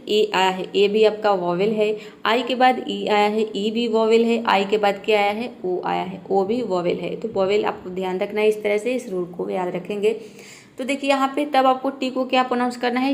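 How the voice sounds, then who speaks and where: A woman teaching an English pronunciation lesson in Hindi, spelling words letter by letter and asking questions she answers herself. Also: fairly high pitch. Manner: patient, repeats rules and asks questions she then answers.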